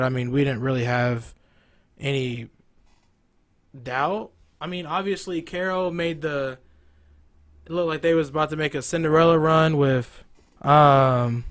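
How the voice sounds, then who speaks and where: A man's voice: medium pitch, no echo. A man hosting a local sports talk show in a casual, conversational style. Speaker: host of a local high school sports show.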